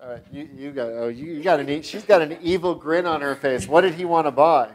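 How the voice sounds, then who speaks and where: A man with a slightly raised voice leads a workshop in a classroom, brisk and conversational. He hands out instructions and keeps prompting students with short questions. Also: fairly high pitch. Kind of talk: leading a classroom exercise.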